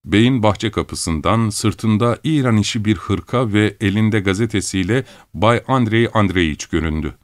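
A man reading a story aloud in a steady, even narration. His voice sits low, recorded close on a studio mic with a dry sound. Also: a little slow, hardly any pauses, no room sound. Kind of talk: scripted audiobook narration.

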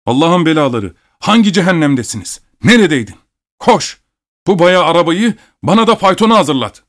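A man voicing a hot-tempered rich nobleman who yells in a shrill voice. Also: expressive, normal speed, natural voice. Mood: commanding. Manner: shouting, outraged.

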